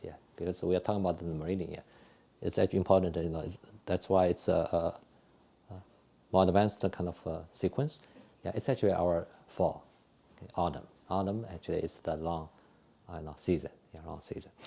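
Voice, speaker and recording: A man's voice: low-pitched, gravelly. A man instructing a live tai chi and qigong class in a conversational, step-by-step way. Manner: hesitant, repetitive, conversational when explaining; gentle, unhurried step-by-step cueing during exercises.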